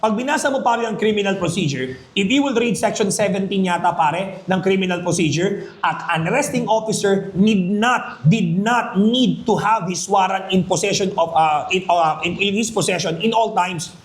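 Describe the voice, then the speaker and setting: Man, high pitch, emphatic jokey review lecturer, echoey classroom. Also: moderate pace, few pauses. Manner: emphatic, jokey, keeps asking "Maliwanag?". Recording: echoey room.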